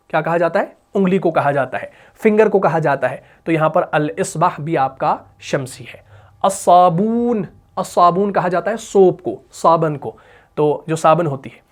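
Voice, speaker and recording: A man teaching Arabic grammar, reciting words slowly and clearly, then explaining them quickly with repeated questions to the class. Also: fairly high pitch. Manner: repeats and asks rhetorical questions. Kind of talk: classroom lesson explaining a textbook.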